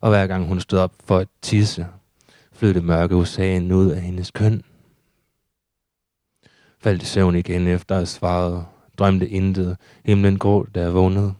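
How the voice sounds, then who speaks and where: A man reading his own surreal prose poetry aloud in a steady, measured recitation. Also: low-pitched, no echo, studio quality.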